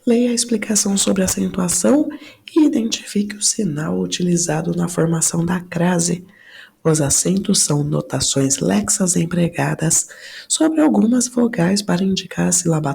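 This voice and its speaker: Brazilian woman teacher, gravelly, mellow tone, deliberate explainer for exam prep. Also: fairly low pitch. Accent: Brazilian Portuguese. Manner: slow, stresses key words, talks through answers. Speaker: Portuguese teacher.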